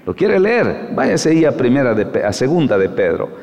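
Impassioned middle-aged preacher, echoing hall. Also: male voice, big pitch swings, fairly quick, gravelly, muffled recording. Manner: swings from low murmurs to high shouted questions; addresses listeners as brother, rhetorical questions. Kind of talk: evangelical sermon.

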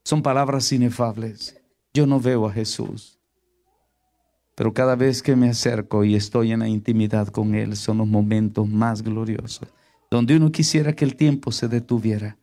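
A male preacher giving a sermon, firing rhetorical questions at his congregation and swinging between loud emphatic lines and hushed low ones.

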